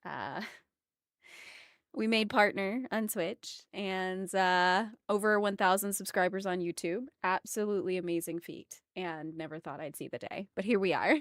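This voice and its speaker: A woman's voice: on the low side, measured pace, dry recording. A woman livestreamer chatting casually and expressively with her viewers on a close mic. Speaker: livestreamer, emote artist.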